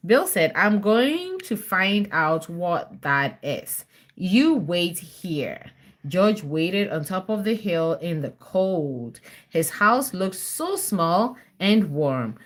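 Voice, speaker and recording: On a livestream, a mother reads a children's storybook aloud, chatting with viewers and nudging her child along with prompts and questions. Her voice sits on the low side.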